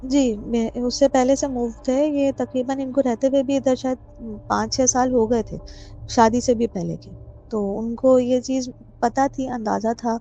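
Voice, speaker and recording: A woman's voice: a little high, fairly even intonation, warm tone. Hesitant woman telling a ghost story. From Pakistan. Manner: hesitant, with fillers and English words mixed in. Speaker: caller sharing a personal story. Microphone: phone voice note. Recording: dull lo-fi voice note with faint music.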